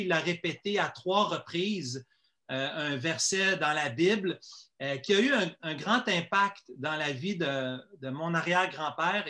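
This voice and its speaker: This is a man from Quebec, Canada, speaking with a Quebec French accent while giving personal testimony as a guest in an interview. He sounds fairly high and bright, chatting naturally but pausing and repeating words along the way.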